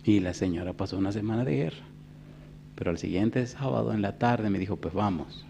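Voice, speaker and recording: A pastor in his fifties preaching a sermon, telling a story in a hushed voice and then rising to loud preaching. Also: lowish voice, fairly quick, vocal fry, slight background noise. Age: 50s. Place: church.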